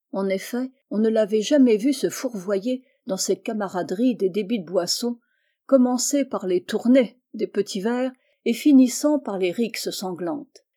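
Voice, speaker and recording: A woman giving a measured, expressive reading of a literary story. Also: mid-range voice. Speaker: reader.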